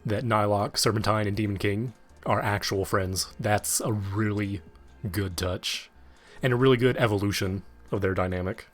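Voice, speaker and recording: A man's voice: lowish voice, steady tone, moderate pace, faint music behind, close to an everyday voice. An actor playing a playful young man gamer in a game who jokes and teases his friends. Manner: jokey, teasing.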